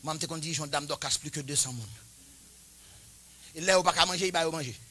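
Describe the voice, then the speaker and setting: A man in his forties preaching a sermon, chanting and shouting at the peaks and dropping to quiet, confiding talk between them. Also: on the high side, fairly quick, breathy edge, no room sound. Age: 40s. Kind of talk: Pentecostal-style sermon.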